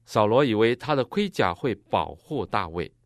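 Male interpreter, deep and animated, expressive, close dry mic. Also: moderate pace, no echo. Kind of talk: consecutive sermon interpretation.

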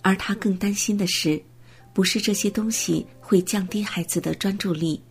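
A woman reading a prepared text as scripted narration, in a steady, measured way. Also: mid-range voice, breathy edge, faint music behind.

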